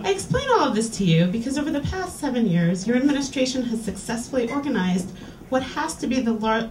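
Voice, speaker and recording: A reading series host with a higher-pitched woman's voice reads erotica aloud to a crowd in a small lounge bar. Her delivery is clear and deliberate. The live capture is roomy and distant, picked up from across the space over a noisy background.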